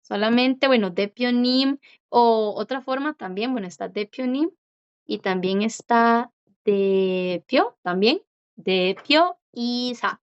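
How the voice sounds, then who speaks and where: A woman teaching a Korean class, who repeats words slowly and keeps checking in with her students. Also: fairly high pitch, smooth. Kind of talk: online class explanation. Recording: dull lo-fi audio.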